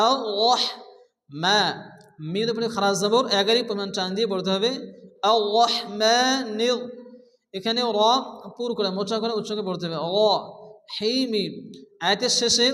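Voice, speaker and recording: A man with a high, bright voice teaches recitation patiently, one rule at a time. He stretches each example word long and slow. His voice rings with a long, hall-like reverb. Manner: explains rules, then chants words slowly and drawn out. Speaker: Quran reading teacher. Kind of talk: step-by-step recitation lesson.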